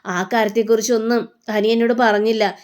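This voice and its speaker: A woman's voice: a little high, steady tone, fairly quick, a little mellow, close to an everyday voice. A woman voicing a worried young woman, earnestly explaining family troubles. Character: worried young woman reporting bad news.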